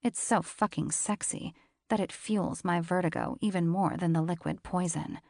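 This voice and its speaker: Female romance audiobook narrator, intimate and confessional, gravelly, dry studio sound. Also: fairly low pitch, fairly even intonation, moderate pace, a little mellow, no echo. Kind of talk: scripted first-person romance narration.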